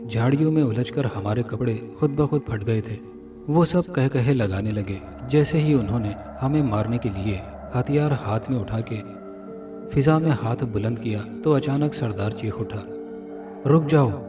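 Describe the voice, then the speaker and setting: A man reading a scripted horror story dramatically, sounding a little far from the mic over loud music. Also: mid-range voice. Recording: narration from a distance with loud music.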